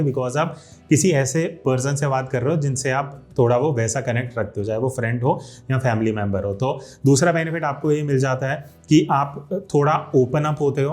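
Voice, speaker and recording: Male YouTube creator, 30s, friendly tutorial voice, mid pitch, punches key words, Hindi laced with English. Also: a little mellow. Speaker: YouTube creator teaching video skills. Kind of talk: casual instructional talk to camera. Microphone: studio microphone.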